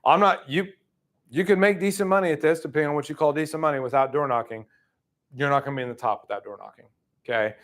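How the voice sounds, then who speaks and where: A sales trainer in his thirties talks to a room at a quick pace in a slightly high voice. The live session is lively, casual, and chatty, with plenty of fillers.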